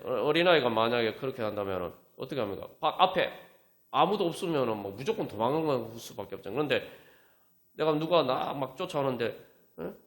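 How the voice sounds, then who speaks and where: A man preaching as pastor at a Friday prayer meeting, talking conversationally and prodding his listeners with rhetorical questions. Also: medium pitch. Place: church sanctuary. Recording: echoey church room with faint instrument music.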